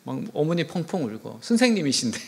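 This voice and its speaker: Middle-aged male preacher, expressive storyteller whose pitch swings widely and who drops to whispers for effect. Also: fast, vocal fry, husky. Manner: animated, dropping to whispered asides. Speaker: professor preaching to an audience. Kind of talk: sermon with storytelling.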